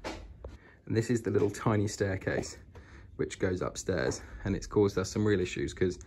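Walking from room to room inside an old house, a British man narrates an informal, enthusiastic tour for his vlog. He speaks at a normal speed in a low, darkish voice. The audio is a noisy indoor handheld home recording.

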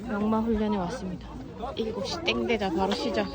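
A woman's voice: medium pitch, fairly even intonation, fairly quick, loud music behind the voice. A woman vlogging casually about running, chatting informally with grumbling asides between her announcements. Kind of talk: casual running vlog chat. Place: outdoors in town and at sports grounds. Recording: noisy outdoor recording with crowd and traffic.

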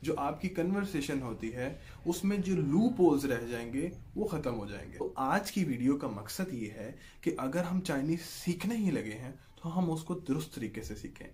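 A man's voice: a little high, animated, moderate pace, few pauses, darkish tone. A man with a Pakistani Urdu accent giving an online language lesson, patient and explanatory, often checking in with listeners. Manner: patient, repeats "ठीक है जी" to check in, draws out example sounds. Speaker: language teacher.

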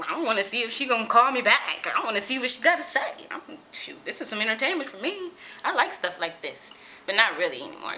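Speaking in a fairly low voice, a Californian vlogger in her twenties chats casually at home, lively and repetitive with plenty of swearing. The audio is poor, with slight background noise.

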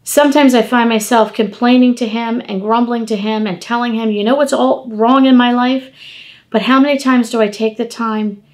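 Animated woman giving a home devotional. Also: a little high, normal speed. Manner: animated, gesturing, conversational preaching. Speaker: devotional podcast host. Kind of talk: informal devotional talk. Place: home dining room, indoors.

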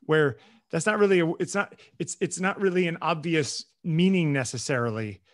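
A man's voice: a little high, normal speed, no room sound, clean studio sound. A man co-hosting a casual conversation, wry and searching, repeating words as he thinks aloud. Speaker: photographer and co-host.

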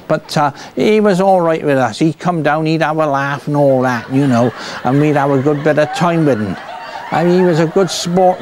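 A man's voice: medium pitch, a little mellow, slight background noise, lightly acted. A man with a Somerset accent playing a cheerful, bumbling rustic farmer in a stage comedy act, rambling folksily and tagging his lines with "see" and "look". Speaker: comic performer. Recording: piano music playing behind.

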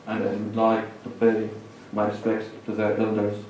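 Speaking at a lectern with a completely flat, slightly mellow delivery, a middle-aged Lebanese-accented man presents an academic conference talk, pausing between each point he lists. His voice sits a little low. The sound comes from a far camera and lectern microphone in a big hall, heavily echoey with faint room noise.

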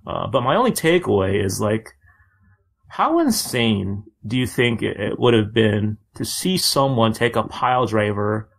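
A man co-hosting a podcast, talking in a relaxed, casual way and filling his speech with lots of "like" and "uh". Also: fairly low pitch, unhurried, gravelly. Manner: relaxed, filler-heavy with frequent "like". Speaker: podcast co-host.

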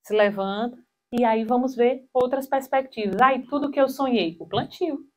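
A woman in her thirties giving a spiritual talk with personal stories on a handheld mic in a small hall, animated and acting out quoted voices. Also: fairly high pitch, moderate pace.

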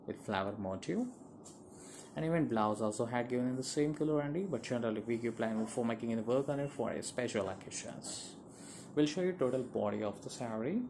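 A man's voice: mid-range voice, background noise. A man with an Indian accent showing products as a seller, with effusive, repetitive sales patter in an informal style. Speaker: saree seller presenting products.

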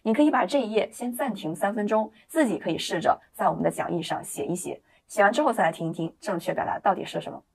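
A woman teaching English in a video lesson, explaining with encouragement and reading example sentences slowly and clearly for learners to repeat. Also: medium pitch. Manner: explains in lively, encouraging classroom talk.

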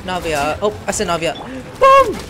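Medium in pitch but swinging hugely up and down, this streamer talks at normal speed against a noisy background with game music playing, in a room at home. The gameplay commentary is casual, playful and exclamatory, with crude jokes.

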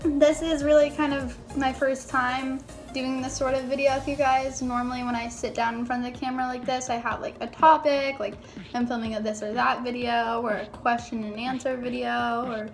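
A woman's voice: sits high, level tone, moderate pace, vocal fry. A young woman chatting casually to her viewers as a vlogger, sprinkling her talk with "like". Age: young adult. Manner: chatty, filler-heavy with frequent "like". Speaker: YouTuber. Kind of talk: casual chit-chat vlog to viewers. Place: small bedroom, indoors. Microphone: phone at arm's length. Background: background music.

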